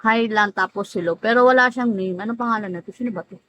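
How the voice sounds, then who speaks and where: A woman's voice: mid-range voice, quick pace, sharp tone, highs cut off, slight background noise. A woman hosting a casual livestream, teasing viewers by name, laughing often and drawing out names. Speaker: livestream host. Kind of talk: casual live-stream chat greeting viewers.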